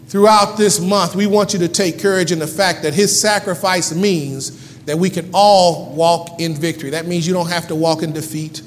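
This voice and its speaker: A man preaching a sermon as pastor, with rhythmic, repeated refrains. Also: high-pitched. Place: church hall. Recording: church hall reverb, faint room noise.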